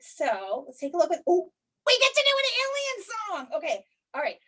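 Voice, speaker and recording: A woman children's librarian leading an animated, sing-song story time for small children over a video call. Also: sits high.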